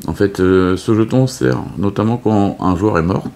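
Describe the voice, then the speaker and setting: A man's voice: on the low side, moderate pace, vocal fry, darkish tone. A man casually explaining a board game setup, hesitant with many fillers and restarts. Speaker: board game video host. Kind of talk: casual unscripted game tutorial.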